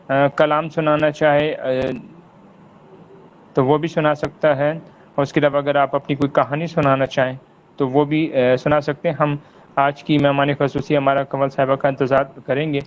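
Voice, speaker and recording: A man hosting an online literary forum, polite and formal, pausing often with fillers. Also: on the high side, little pitch movement, highs cut off. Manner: hesitant, polite, many fillers.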